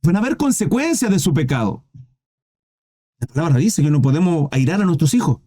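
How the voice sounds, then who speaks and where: A man's voice: fairly high pitch, sing-song, fairly quick, warm tone, dry recording, studio quality. A man preaching a live Bible teaching in a direct, exhorting way.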